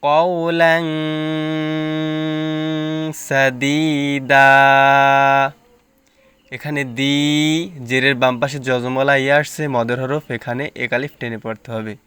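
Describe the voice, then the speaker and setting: A man teaching Quran reading, spelling out letters and reciting words slowly between plain explanations. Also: mid-range voice, steady tone, a bit bright, clean tone, no room sound.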